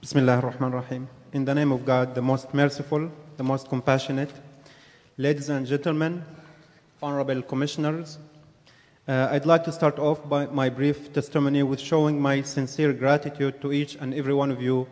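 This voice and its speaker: A man's voice: medium pitch, flat delivery, a little mellow. Earnest man testifying in a reverberant hall. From Jordan. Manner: earnest, halting with repeated words. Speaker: witness giving testimony. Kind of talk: formal public testimony. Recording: reverberant hearing room.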